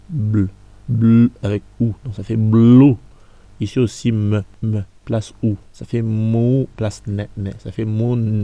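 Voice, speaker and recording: A man teaching English reading in French, repeating sounds and words slowly for learners to copy. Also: on the low side, warm tone. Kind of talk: French-language pronunciation lesson.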